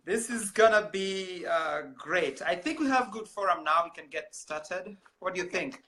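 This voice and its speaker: A man with a Kenyan accent hosting a casual livestream interview, easygoing and halting, with frequent pauses. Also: sits high, lively intonation, sharp tone. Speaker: host.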